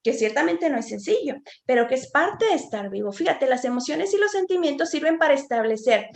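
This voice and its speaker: A woman's voice: sits high, very animated, a little fast, gravelly. A woman, a psychotherapist giving an informal talk to parents, conversational, often checking in with tag questions. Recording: echoey room.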